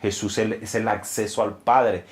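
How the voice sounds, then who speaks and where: A pastor with a fairly low voice offers an earnest, informal teaching. His delivery is mostly steady, and his pitch climbs sharply when he drives a point home. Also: a little slow. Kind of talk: informal preaching.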